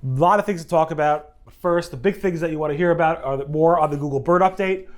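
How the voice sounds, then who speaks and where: A man with a head cold, his voice congested and a little high, hosts a casual video news recap. He rambles, often correcting himself and tossing in quick asides.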